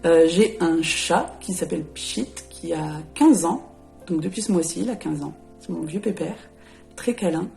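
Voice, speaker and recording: A woman's voice: on the low side, animated, normal speed, vocal fry, darkish tone, soft background music. A woman in her late thirties introducing herself and her channel in a casual vlog, hesitant, with many fillers and self-corrections. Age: 30s. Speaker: YouTuber presenting her channel. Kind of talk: casual vlog talk to camera.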